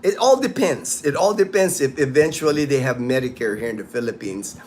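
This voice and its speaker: Speaking briskly in an expressive, medium-pitched voice with a darkish tone, a man in his late fifties hosts a livestream outdoors in the sun. He chats easily with viewers, reading their comments, rambling and restarting frequently, with slight background noise.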